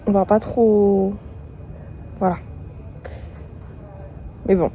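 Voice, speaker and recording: A woman's voice: mid-range voice, fairly even intonation, extremely slow, dark tone, slight background noise, poor audio. A young woman vlogging about her reading, talking back to the characters in a blunt, slangy way. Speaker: book vlogger. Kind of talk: casual reading-reaction vlog. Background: crickets chirping.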